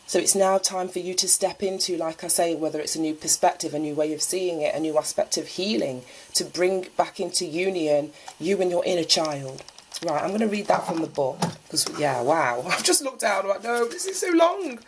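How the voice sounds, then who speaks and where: A woman's voice: low-pitched, normal speed, a little hiss or hum, low-quality recording. A woman giving a spiritual card reading, chatty and musing, sounding stuffy from a lingering cold. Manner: chatty and musing, thinks aloud with small laughs. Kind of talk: solo divination reading, partly read aloud from a guidebook.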